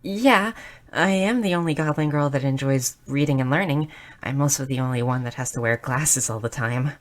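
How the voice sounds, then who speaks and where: In a roleplay audio drama, a woman voices a shy, nerdy, curious young goblin girl, speaking softly, hesitantly and earnestly with small stammers. She sounds bashful and touched, her pitch extremely low and her speed normal.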